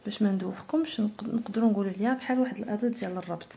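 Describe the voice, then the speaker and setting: A woman teacher with a Moroccan Arabic accent talks her class through a grammar lesson in a mellow, warm voice. She explains patiently, step by step, filling pauses as she goes. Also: medium pitch, gravelly, slight background noise.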